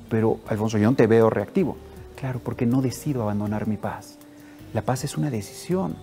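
A man speaking as an interview guest on personal growth, talking in an animated way, asking many rhetorical questions and acting out inner voices. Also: a little high. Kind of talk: conversational interview talk.

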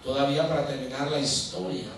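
A man's voice: medium pitch, lively intonation. A male pastor, preaching a sermon, telling a personal story and acting out its dialogue before turning to earnest exhortation. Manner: acts out dialogue, then slows to earnest exhortation. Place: large church sanctuary. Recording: very echoey hall, distant mic, noisy.

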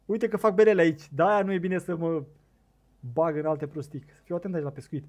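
A young man with a Romanian accent giving casual commentary on a fishing game, excitable and talking to his viewers, on a desk microphone set too loud. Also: a little high. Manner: excitable, shouts bursts at the game, talks to viewers. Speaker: gaming streamer.

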